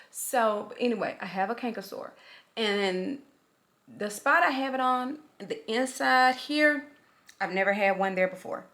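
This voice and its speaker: Casting: middle-aged woman, casual beauty vlogger, forceful bright voice, talks around a swollen lip, rambling and chatty. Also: on the high side. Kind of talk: casual chatty get-ready-with-me vlog.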